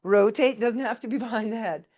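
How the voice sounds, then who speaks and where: A woman's voice: a little high, fairly quick, a little mellow. A woman pilates instructor leading a live exercise class, calling out counts and breath cues in a chatty, encouraging way. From Canada. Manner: chatty, laughs between cues.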